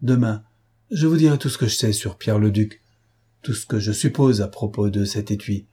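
A man's voice: on the low side, moderate pace, dark tone, slightly rough. A man reading an audiobook, voicing a shaken old male witness who hesitates and repeats himself. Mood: stubborn.

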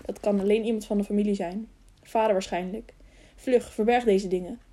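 A woman reading the part of a young noble girl who talks in a hushed, urgent way, in an audiobook. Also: mid-range voice, steady tone, brisk, close to an everyday voice.

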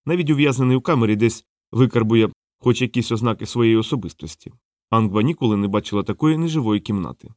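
Steady male audiobook narrator. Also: lowish voice, dry recording, clean studio sound. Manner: steady, measured reading. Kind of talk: scripted narration.

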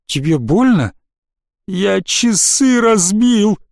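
Brief: male reader doing a frightened, whimpering boy, high and thin, dry close sound. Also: big pitch swings, moderate pace, no room sound. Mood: wailing. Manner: plaintive, wailing. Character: scared whiny young boy, red-haired friend. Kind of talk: audiobook character voice.

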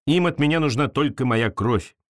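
A man voicing a naive, lonely swamp creature with big paws, talking slowly and with wonder. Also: expressive, no room sound, studio quality, lightly acted. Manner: slow, wondering, low-pitched.

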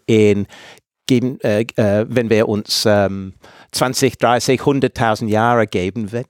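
English-accented male guest, unhurried, middle pitch, hesitant phrasing, close dry mic. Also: no room sound. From England. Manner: halting, searching for words. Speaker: guest researcher. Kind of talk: casual interview chat.

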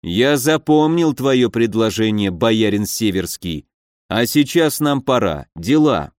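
Guy doing a gruff scheming old boyar, slow and low, dry sound. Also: lively intonation, darkish tone, no echo. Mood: stern. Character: stern older male boyar, scheming.

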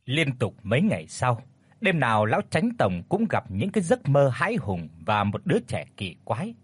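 Expressive husky male horror storyteller. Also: mid-range voice, no room sound. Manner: dramatic, expressive. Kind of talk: scripted horror story narration.

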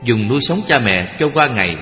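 A man voicing a devoted, self-sacrificing young prince in a gentle, earnest recitation. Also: mid-range voice, expressive, brisk, highs cut off. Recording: echoey hall with faint music.

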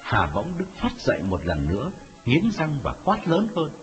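Expressive male storyteller over music. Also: on the high side, moderate pace. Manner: dramatic, expressive telling. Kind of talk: scripted story narration. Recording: dull lo-fi audio with music.

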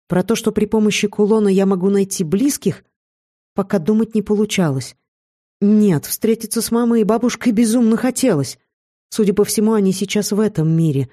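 A woman narrating a fantasy audiobook in the first person. Her reading is measured and reflective, with a mid-range voice. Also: mid-range voice, mellow. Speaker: audiobook reader.

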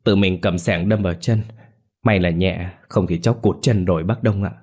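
A man's voice: low voice, fairly even intonation, normal speed, darkish tone, breathy edge. A man voicing a young male laborer who sounds sheepish and apologetic.

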